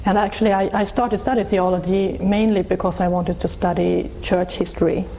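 A middle-aged woman with a Swedish accent recalls her past in a thoughtful, unhurried way, often restarting her sentences. Her voice sounds warm and mellow, at an ordinary pitch. A faint hiss sits under the recording. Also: fairly even intonation, vocal fry, rough recording. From Sweden. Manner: thoughtful, with frequent restarts and soft laughs. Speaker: interview guest. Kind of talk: reflective personal testimony.

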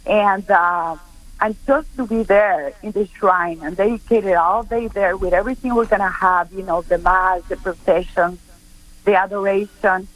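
A woman's voice: medium pitch, rough recording. Earnest middle-aged woman from Costa Rica. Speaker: guest speaker. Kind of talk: radio interview chat.

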